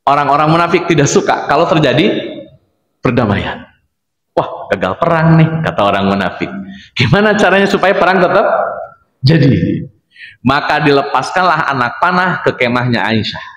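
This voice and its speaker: A man's voice: a little high, normal speed, roomy sound, in a large hall. A man preaching a study session in a mosque, telling stories with acted-out dialogue and often addressing the audience directly. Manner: lively storyteller addressing men as "Pak", acting out dialogue. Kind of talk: mosque study lecture, storytelling. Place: mosque hall.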